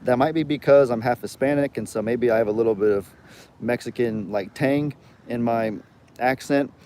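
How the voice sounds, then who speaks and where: Moderately paced and dark-toned at a medium pitch, this young man with a slight Southern drawl hosts a casual livestream, rambling and chatting while reading out viewer comments. A bit of hiss or hum sits in the background.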